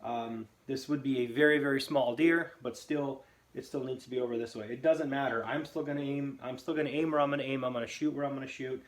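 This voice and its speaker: A man's voice: medium pitch, steady tone, fast talker. A man casually presenting a product review vlog in an echoing basement, rambling and often restarting his phrases. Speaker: host of a bowhunting video channel. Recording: echoey basement room, noisy background.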